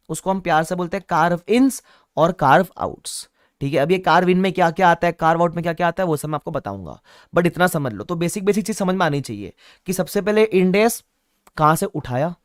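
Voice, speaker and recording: In a dry, clean studio recording, a high-voiced man runs an online exam-prep class. His lecture is lively, circling back to key points and sprinkled with playful asides.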